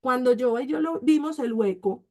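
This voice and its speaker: A woman's voice: high-pitched, normal speed, darkish tone. A middle-aged woman, a life coach telling a personal story to her online group in a casual, chatty way and often checking in with "¿sí?".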